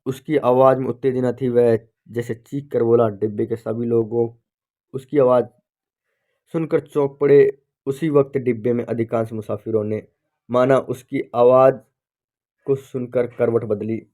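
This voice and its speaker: A man teaching literature by reading a short story aloud slowly, pausing to correct and explain himself. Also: medium pitch, fairly even intonation, dark tone. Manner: slow, deliberate reading with self-corrections.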